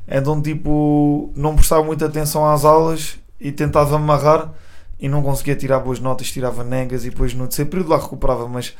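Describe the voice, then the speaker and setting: A young man with a Portuguese accent chats as a podcast guest. His voice sits a little high, and his talk is loose and rambling, full of slang fillers. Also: flat delivery, fast talker, hardly any pauses. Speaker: guest rapper. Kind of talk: casual podcast chat.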